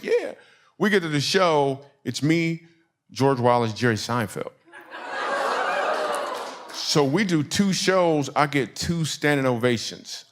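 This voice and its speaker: A middle-aged man from Michigan doing stand-up storytelling, animated, acting out the voices of people in his story and laughing along with his own lines. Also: a little high. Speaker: stand-up comedian. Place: comedy stage before a live audience.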